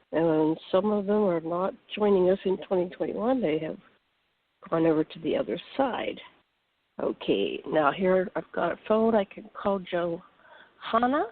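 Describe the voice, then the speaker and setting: A woman hosting a radio talk show, chatting in a rambling, easygoing way as she sets up her guest. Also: on the low side. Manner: chatty, rambling, self-narrating. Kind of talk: casual radio chat. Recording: tinny phone line.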